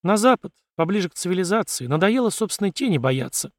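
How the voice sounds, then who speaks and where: A man's voice: sits high, very animated, quick pace, no echo, studio quality, pitched above the performer's own voice. A man voicing a brash, tactless young woman drifter who answers with blunt, cheeky retorts in an audiobook. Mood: wistful.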